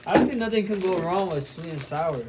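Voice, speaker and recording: A young man chatting casually as co-host of a home vlog, excitable and teasing. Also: sits high, brisk. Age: young adult. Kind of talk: casual playful chat. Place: indoor room at a table. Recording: faint room noise.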